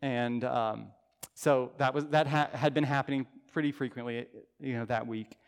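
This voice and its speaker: A man in his thirties preaching a sermon as pastor, earnest and conversational, rising to loud emphatic peaks. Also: mid-range voice, steady tone, normal speed, smooth. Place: church sanctuary. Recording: long church-hall reverb.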